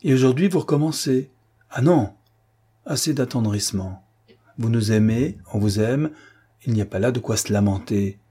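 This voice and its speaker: A man's voice: mid-range voice, normal speed, mellow, husky, lightly acted. A man voicing a jovial army captain who gives orders to his wounded soldiers, by turns commanding and affectionate. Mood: tender. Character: hearty male army captain, convalescent officer.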